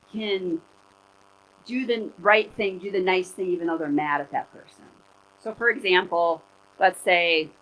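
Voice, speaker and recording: A woman's voice: on the low side, low-quality recording. Woman pastor preaching conversationally. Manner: conversational, animated preaching with personal stories. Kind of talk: sermon. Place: church.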